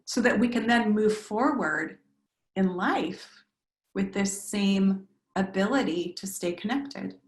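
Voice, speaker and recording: A woman meditation teacher speaking gently and reflectively, in a voice of middle pitch. She slows down to list words one after another. The recording has a roomy echo. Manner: gentle, reflective, lists words in slow cadences. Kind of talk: teaching talk on a video call.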